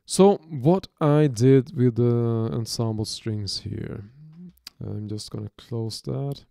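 A Norwegian music producer in his thirties, speaking with a Norwegian accent, walks through an unscripted software tutorial from his home studio. His medium-pitched, gravelly voice comes haltingly, full of restarts and fillers, on a dry recording.

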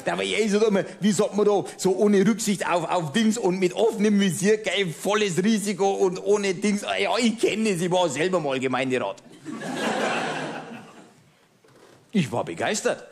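A man's voice: sits high, fairly quick, gravelly, few pauses, pitched above the performer's own voice. A man doing a smug Bavarian barroom blowhard. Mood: excited, chummy. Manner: ranting, self-satisfied, keeps asking "verstehst?". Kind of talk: cabaret monologue.

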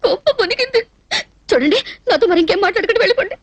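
A woman's voice: very high voice, expressive, rapid-fire, no room sound. An actress playing an innocent, dramatic young woman who pleads and slips into tears, in a dubbed film comedy. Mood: teary.

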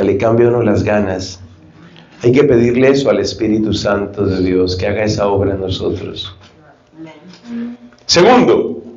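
A male preacher giving a sermon, telling stories lively and acting out short dialogues. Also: mid-range voice. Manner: lively storytelling, acts out dialogues. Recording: roomy, slightly dull recording.

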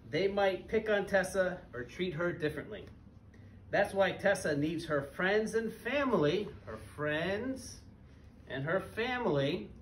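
A father in his thirties, invited to a small elementary school classroom as a guest reader, shares a picture book with young children in plain language, pausing to ask them questions. His pitch is fairly high. The camera sits a few metres away and he wears a face mask, giving a roomy, distant recording with noise behind him.

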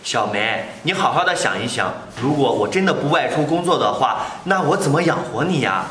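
A man playing a caring young husband in a short family drama, speaking gently and coaxingly. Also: medium pitch, expressive, brisk, close to an everyday voice. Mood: worried. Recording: echoey room, faint background noise.

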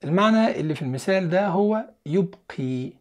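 Lively Egyptian teacher explaining English. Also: medium pitch. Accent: Egyptian Arabic. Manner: explains in Egyptian Arabic, then says English words and sentences slowly and clearly. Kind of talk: language lesson for beginners.

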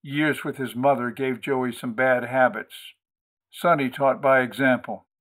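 A man hosting and reading an audiobook chapter in a steady, measured narration. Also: mid-range voice. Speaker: audiobook host and reader.

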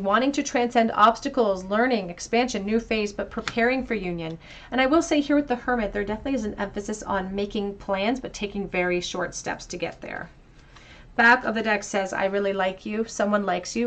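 Woman, tarot reader, gentle, reflective, mid-pitched voice, faint background hiss. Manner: gentle, reflective, talks directly to the viewer. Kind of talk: pick-a-card tarot reading.

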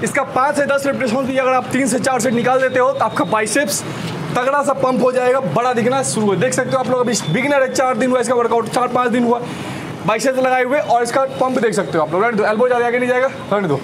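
A young man in his twenties coaching a home biceps workout on a rooftop, cueing each rep with energetic counting. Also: very high-pitched. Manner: energetic coaching, repeated "slowly slowly" and counting cues. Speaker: fitness trainer. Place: rooftop terrace outdoors. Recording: noisy outdoor rooftop recording. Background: outdoor street ambience, vehicles.

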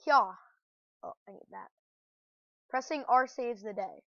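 A woman's voice: a little high, moderate pace, gravelly, dry recording. A woman playing a platform game and commentating casually, getting flustered and exclaiming at the game. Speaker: gamer. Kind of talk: let's play commentary. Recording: dull lo-fi dry recording.

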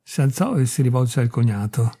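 A man reading a short story aloud in a measured, expressive storytelling style. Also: mid-range voice, breathy edge. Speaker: reader of literature.

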